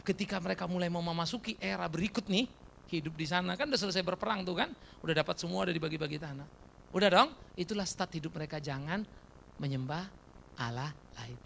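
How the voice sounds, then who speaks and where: A man preaching a sermon as a pastor, animated, throwing out rhetorical questions and slangy asides. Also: high voice, vocal fry, slight background noise.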